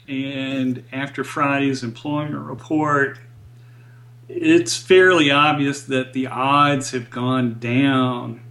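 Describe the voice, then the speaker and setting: A man speaking as a guest economist in an interview, explaining data in a measured, deliberate way. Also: mid-range voice, a bit bright.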